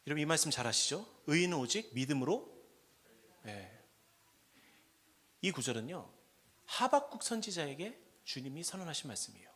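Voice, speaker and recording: A male preacher with a high, very lively voice delivers a sermon at a prayer meeting. He puts questions to his listeners and swings between hushed asides and loud, impassioned cries. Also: breathy edge. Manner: asks the congregation questions.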